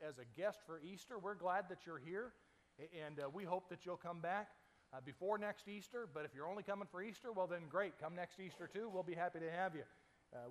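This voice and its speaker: A man's voice: a little high, long reverb tail. A man preaching an Easter sermon in a church, from Arizona, talking in a conversational, folksy way with light asides. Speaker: pastor.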